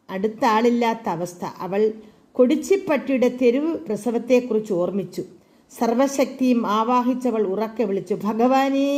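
A woman's voice: on the high side, mellow. Woman reading a story aloud. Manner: literary, deliberate reading. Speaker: narrator. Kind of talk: storybook narration.

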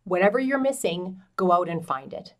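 A woman's voice: fairly low pitch, expressive, normal speed. A middle-aged woman giving direct, encouraging advice as a farm transition specialist, talking to camera in a small office. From Canada. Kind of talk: educational talk to camera.

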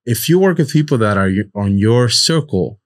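A man hosting a podcast in casual chat, talking haltingly with many restarts. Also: medium pitch, animated. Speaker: podcast host.

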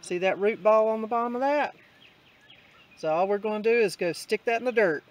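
Vlog narrator, casual, mid pitch, step-by-step, relaxed. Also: a little fast, low-quality recording. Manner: easygoing, explains step by step with fillers. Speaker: camera operator and co-narrator.

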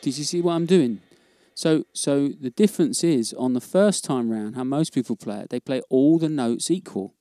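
A man teaching jazz drumming in a casual, relaxed way, often checking in with "okay?". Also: mid-range voice, moderate pace, faint music behind. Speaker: drum teacher. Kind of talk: casual instructional demo.

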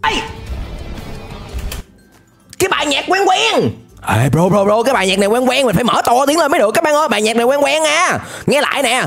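A man gives excited reaction commentary, often shouting and dropping English exclamations. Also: extremely high pitch, a little fast, gravelly, pauses often, soft background music. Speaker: YouTuber reacting to an animated series.

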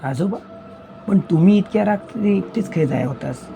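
A man's voice: sits high, expressive, normal speed, creaky, mellow, soft background music, pitched above the performer's own voice. A man doing an anxious young traveler with a Malvani accent. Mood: uneasy. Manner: anxious, questioning. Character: frightened young male traveler lost at night.

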